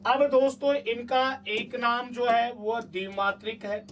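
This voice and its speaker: A high-pitched man leads a chatty exam-prep lesson, coaxing the students along and checking often that they follow. He sounds set back from the mic, with faint noise behind him. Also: fairly even intonation, a little slow, a bit bright, distant mic. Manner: chatty, coaxing, asks the class repeated check questions. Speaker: teacher.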